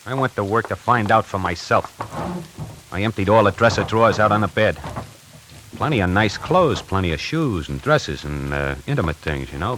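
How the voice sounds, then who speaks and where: In a 1940s radio drama, an actor with a deep voice plays a wisecracking necktie salesman who narrates his own story as the lead, hardboiled and slangy. Music plays behind him along with background noise.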